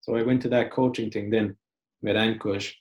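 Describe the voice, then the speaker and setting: A young man with a lowish voice, chatting in a relaxed interview. He thinks aloud, full of small restarts and fillers as he works through his points. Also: moderate pace. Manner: reflective, loose, many restarts and "like". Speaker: podcast guest. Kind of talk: casual conversational interview.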